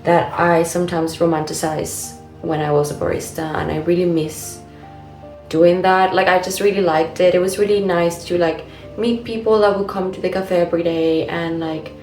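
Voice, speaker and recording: In a casual personal vlog, a woman in her twenties from Buenos Aires speaks native Spanish with an Argentine accent. Her voice is on the low side and a little mellow, with fairly even intonation and normal speed. Soft background music accompanies poor audio.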